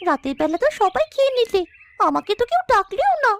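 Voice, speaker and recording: A woman's voice: extremely high pitch, very animated, fast talker, dry recording, heavily acted. A woman voicing a greedy, hungry little village girl in a cartoon, whiny and pleading.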